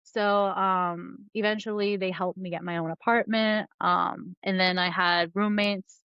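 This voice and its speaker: A woman's voice: mid-range voice, steady tone, a little slow, smooth, no echo, lo-fi sound. A woman in her thirties, from New Jersey, sharing her life story on a podcast, talking loosely with many fillers. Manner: rambling with many fillers and laughs. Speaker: podcast guest, comic book artist. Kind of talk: casual conversational interview.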